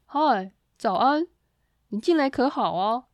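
A woman doing Mr. Happy, bright and high. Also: very animated, moderate pace, no echo, clean studio sound. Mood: friendly. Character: friendly cheerful grown man. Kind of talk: children's storybook voice acting.

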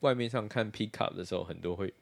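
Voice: medium pitch, fast talker, gravelly. A podcast co-host chatting casually, matter-of-fact, mostly giving short replies and correcting the other speaker. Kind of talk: casual chat.

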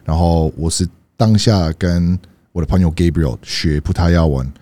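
Deep-voiced American man speaking Mandarin as a foreigner. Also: moderate pace, mellow. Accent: American-accented Mandarin. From United States. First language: English. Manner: foreigner speaking fluent Mandarin, switching into English. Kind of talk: casual bilingual chat.

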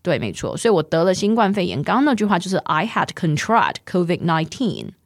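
Woman teacher running a word drill, super expressive pitch, dry close sound. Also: fairly quick, no echo. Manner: patient, drills words for repetition. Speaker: English teacher. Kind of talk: bilingual language lesson.

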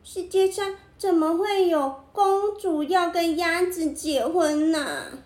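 Woman playing a fretful little princess, very high, slow, echoey room. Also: darkish tone. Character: frightened young princess.

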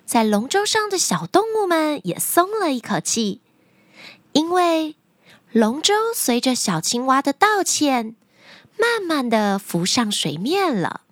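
Woman children's storyteller, expressive scripted narration, slow and very lively, recorded dry and close. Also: high-pitched, no echo.

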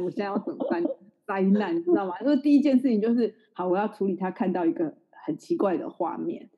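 Her voice sits in the mid-range with a breathy edge, heard through a slightly dull lo-fi recording. She's a thirties-aged podcast co-host in casual conversation, recounting a family story amid frequent laughter.

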